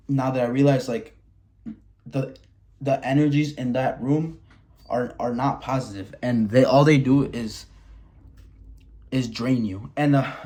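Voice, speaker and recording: This early-twenties vlogger from Wisconsin has a medium-pitched voice with a dark tone. Facing the camera, he gives a blunt, candid personal monologue, cursing often and restarting sentences.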